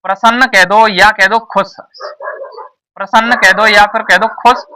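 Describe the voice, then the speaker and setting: Bright-voiced male tutor, heard from afar. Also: high-pitched, fairly even intonation, measured pace, far from the mic. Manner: repeats points and asks the class questions. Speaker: tuition teacher. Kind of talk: classroom exam-prep lesson.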